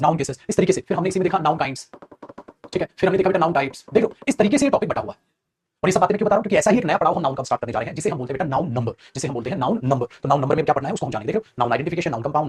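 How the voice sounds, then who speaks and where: A man teaching a live online grammar class at a rapid clip. His voice is husky and sits a little high, and he rattles through repeated points while calling his students "beta". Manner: fast, repetitive, calls students beta.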